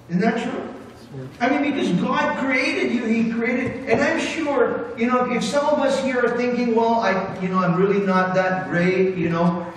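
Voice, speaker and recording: A middle-aged man preaching a sermon as pastor, animated and moving about as he speaks. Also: very high-pitched, a little hiss or hum. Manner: animated preaching with big hand gestures, moving about the stage. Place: church sanctuary with brick wall, indoors. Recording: echoey hall from far off.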